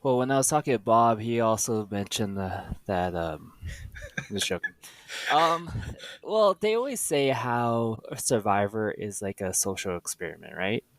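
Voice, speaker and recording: A man's voice: on the low side, expressive, measured pace. A man, a father, co-hosting a casual podcast chat, earnest and reflective. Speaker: podcast co-host.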